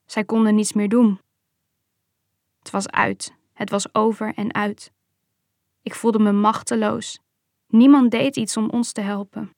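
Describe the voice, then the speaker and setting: Calm woman reading a memoir. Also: fairly high pitch, no room sound, clean studio sound. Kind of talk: first-person memoir reading.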